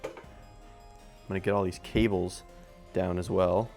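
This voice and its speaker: A man's voice: deep voice, flat delivery, slow pace, creaky, a little mellow. Man casually narrating, music behind. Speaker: product reviewer, video host. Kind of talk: casual unboxing and assembly narration.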